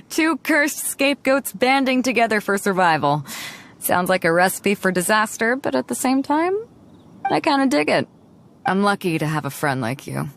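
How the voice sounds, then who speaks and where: A woman's voice: medium pitch, sing-song, unhurried, pauses often. Beidou, a swaggering female sea captain. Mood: warm, playful. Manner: confident, teasing, swaggering. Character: bold, hearty female sea captain with a cursed past. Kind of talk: video game voice acting. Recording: studio voice over background music. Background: music.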